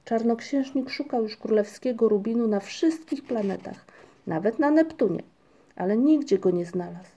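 A woman voicing a calm, unhurried young male troll who tells tales in an audiobook. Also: a little high, natural voice. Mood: calm storytelling. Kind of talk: audiobook character reading.

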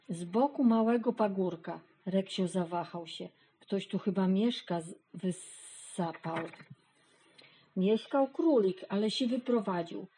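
A woman reading a children's animal story aloud, gently and unhurriedly, lightly voicing the animals. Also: medium pitch, slightly rough, low-quality recording.

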